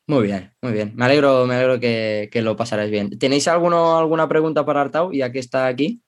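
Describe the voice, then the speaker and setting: A man's voice: medium pitch, steady tone, brisk. Joking man hosting a video-call podcast. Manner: jokey, teasing. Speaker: podcast host. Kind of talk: casual chat over video call.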